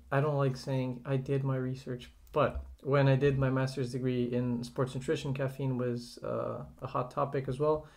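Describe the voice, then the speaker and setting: A man from Portugal, a nutrition coach, speaking as a podcast guest in a measured, reflective way with frequent pauses. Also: medium pitch, darkish tone. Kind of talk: casual conversational podcast.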